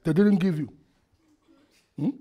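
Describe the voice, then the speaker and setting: A middle-aged man, preaching a sermon into a headset mic in a church hall, asking the congregation questions and swinging between loud and quiet. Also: a little high, unhurried, husky. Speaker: pastor. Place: church hall with projector screen, indoors.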